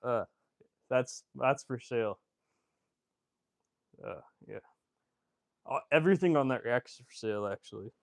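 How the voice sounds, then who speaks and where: Gravelly and medium-pitched, this male fashion designer speaks at a measured pace and pauses often as he casually answers livestream comments. His talk rambles, packed with fillers and restarts, and there's no echo.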